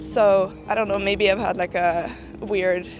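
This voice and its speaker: Brief: woman from Norway, interview clip, candid and hesitant, loud music bed behind. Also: medium pitch, level tone, unhurried.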